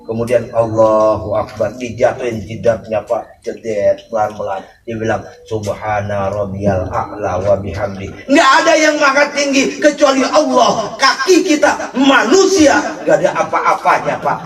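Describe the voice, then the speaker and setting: A man giving a joking, animated sermon at a condolence gathering at a home, swinging between shouts and soft murmured prayers. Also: mid-range voice, moderate pace, few pauses, a little hiss or hum. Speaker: preacher. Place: house gathering. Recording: echoey, voice from far off the mic.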